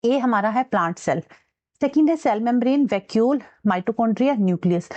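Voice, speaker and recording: A woman's voice: a little high, lively intonation, a little mellow, muffled recording. A woman teacher explaining science exam questions step by step, mixing English terms into her speech and checking in with her students. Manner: reads English question text slowly and deliberately. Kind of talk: exam-prep science lesson.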